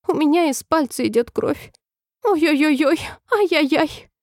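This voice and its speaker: A woman's voice: sits high, a little slow, no echo, studio quality, pitched above the performer's own voice. A woman reading a storybook, voicing a fretful, whimpering old queen who breaks into squealing cries. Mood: wailing. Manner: wailing, squealing cries, then oddly calm.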